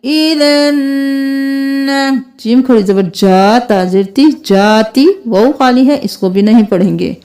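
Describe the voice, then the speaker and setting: Speaking at a medium pitch with a dark tone, a woman teaches tajweed reading. Every recited word comes out slowly, followed by a fast, straightforward breakdown of its letters.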